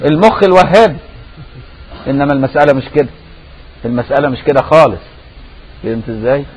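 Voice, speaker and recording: A man's voice: mid-range voice, fast, a little mellow, a little hiss or hum, rough recording. A man with an Egyptian accent giving a religious lesson, conversational and often checking his listeners' understanding with rhetorical questions. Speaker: Sufi scholar teaching a lesson.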